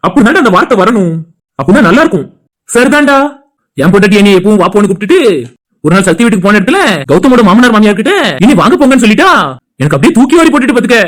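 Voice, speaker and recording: A voice actor doing fast-talking Tirunelveli friends. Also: mid-range voice, very animated. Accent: Tirunelveli Tamil. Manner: casual, teasing banter. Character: young male friends chatting. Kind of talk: cartoon voice acting.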